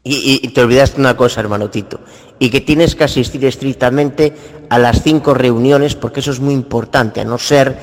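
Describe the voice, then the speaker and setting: A man speaks in a mocking, sarcastic tone during a religious debate. His voice is mid-pitched, and a long reverb hangs over it. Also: steady tone, normal speed. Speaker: debate participant.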